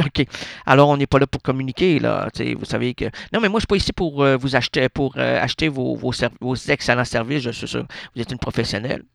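Gravelly Québécois man rambling on radio. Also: mid-range voice, fast talker, no echo, studio quality. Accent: Québécois French. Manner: meandering, self-interrupting, absurd asides. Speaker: radio host. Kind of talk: rambling comic radio monologue. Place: radio studio.

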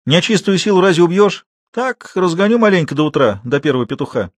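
A man voicing a gloomy, superstitious old village night watchman who talks slowly in rustic speech. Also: fairly high pitch, very animated, no room sound, voice pushed up. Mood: gruff, mysterious. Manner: slow, dialect-heavy, mysterious.

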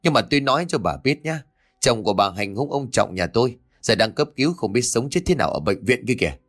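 A man's voice: medium pitch, very animated, fast, fairly bright tone. A man voicing a spiteful middle-aged village woman who sneers and scolds. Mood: spiteful scolding.

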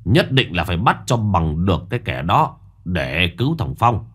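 A man's voice: low-pitched, big pitch swings, normal speed, fairly bright tone, husky, heavily acted. A man voicing a curt, stubborn middle-aged village man who scolds. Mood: gruff.

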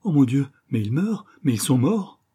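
Frightened young woman, raised pitch, loud horrified cries, husky undertone, voiced by a man. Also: very animated, moderate pace. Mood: panicked. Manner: crying out in horror. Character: terrified young woman, desperate.

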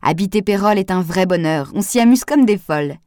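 A woman reading aloud, voicing a lively young woman with a playful, teasing manner. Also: medium pitch, brisk, dry recording, studio quality, lightly acted.

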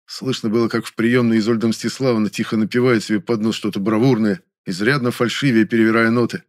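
A man reading a first-person audiobook in a measured, even storytelling manner. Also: fairly low pitch. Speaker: audiobook narrator.

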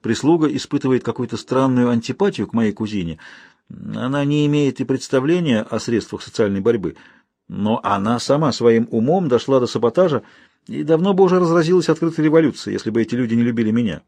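Man reading a calm, self-assured gentleman. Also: mid-range voice, fast, dry recording. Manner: calm, matter-of-fact and persuasive. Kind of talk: audiobook character voice.

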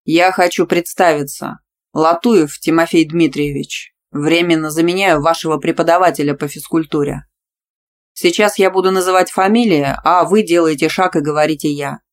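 A woman reading out the lines of a brisk, stern male gym teacher in an audiobook, loud and commanding. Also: deep voice, fairly even intonation, a little hiss or hum, natural voice.

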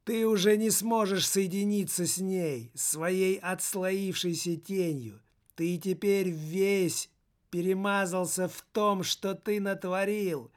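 A man voicing an agitated, frightened man who pleads and shouts warnings, in an audiobook reading. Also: sits high, takes it slowly, voice pushed up. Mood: frantic. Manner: excitable, frantic warnings.

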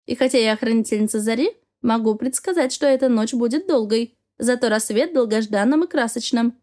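Woman narrating a calm, enigmatic female guardian, measured, mellow and high. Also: natural voice. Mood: cryptic.

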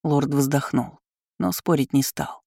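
Mellow, measured audiobook reader. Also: medium pitch, vocal fry, dry recording, clean studio sound. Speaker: audiobook narrator. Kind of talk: scripted fantasy narration.

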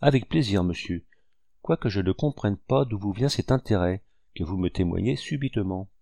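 A man's voice: fairly low pitch, animated, moderate pace, creaky, mellow, dry recording. A man reading a novel aloud and voicing an earnest, humble officer who speaks with emotion. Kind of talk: audiobook reading.

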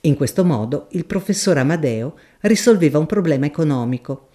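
A woman narrating a literary audiobook in a measured, expressive storytelling manner. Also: deep voice.

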